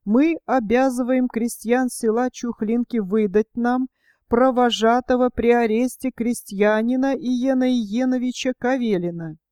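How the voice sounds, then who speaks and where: A woman reading the lines of a stern police chief in a storybook, loud and measured. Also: a little high, expressive, no echo, studio quality.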